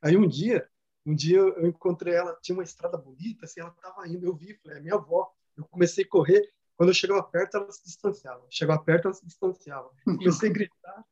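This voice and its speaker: A study group member with a high-pitched, darkish voice talks fast while earnestly telling a personal story in casual conversation. His speech is full of fillers and repeats, and the recording has dull lo-fi sound.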